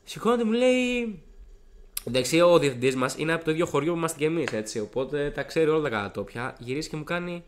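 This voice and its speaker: A young man with a hoarse, gravelly voice, co-hosting a podcast and telling a rambling story with lots of restarts. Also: on the high side, few pauses, slight background noise. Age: young adult. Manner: animated, rambling, frequent restarts and acted-out quotes. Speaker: podcast co-host. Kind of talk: casual storytelling chat.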